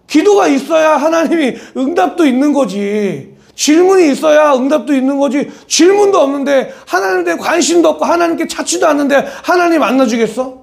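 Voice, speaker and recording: A male pastor preaching an animated, conversational sermon at a church service, switching between polite address and blunt casual talk and speaking straight to his listeners. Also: very high-pitched, fairly quick, creaky, few pauses.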